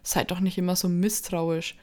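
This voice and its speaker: A woman's voice: fairly low pitch, moderate pace, lightly acted. A woman voicing an eager, pushy young man in a horror story reading. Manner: energetic, pushy.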